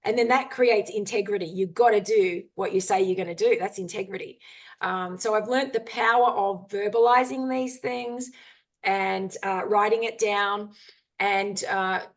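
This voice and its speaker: Speaking a little slowly at a medium pitch, a woman adventurer delivers an informal, earnest guest talk over video with a screen share and a Q&A afterward. She's candid, often filling pauses with ums and you-knows.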